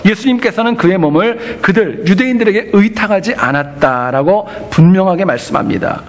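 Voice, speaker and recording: A male pastor preaching a sermon in church, earnest and teaching, with humorous asides. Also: sits high.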